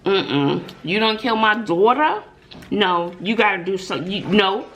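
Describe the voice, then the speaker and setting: A woman's voice: medium pitch, normal speed, fairly bright tone. A middle-aged woman telling stories and opinions casually to viewers, emphatic, with rhetorical questions and frequent mm-mm interjections. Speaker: mukbang vlogger and middle school teacher telling stories. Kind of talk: casual story time and opinion talk to viewers.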